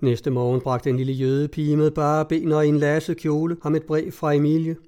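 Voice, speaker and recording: A man narrating a story as an audiobook, in a steady, measured reading voice. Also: a little high, clear, resonant tone.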